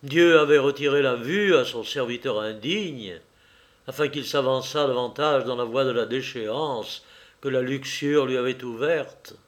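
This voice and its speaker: A man narrating a novel in a measured, literary reading style. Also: mid-range voice.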